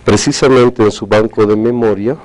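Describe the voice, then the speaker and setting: A man speaking as a hypnotherapy guest on a talk show, explaining in a measured, clinical way with technical terms. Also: lowish voice, fairly even intonation, a little mellow, low-quality recording.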